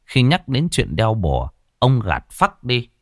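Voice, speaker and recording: A man narrating a ghost story with an expressive, varied delivery. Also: medium pitch, unhurried, no room sound, studio quality.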